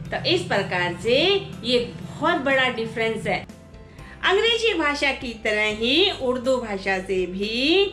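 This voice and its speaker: Slow, bright-voiced woman teaching Hindi. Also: fairly high pitch, echoey room. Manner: slow, deliberate pronunciation drills with rhetorical questions. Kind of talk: classroom lesson, reading word lists aloud.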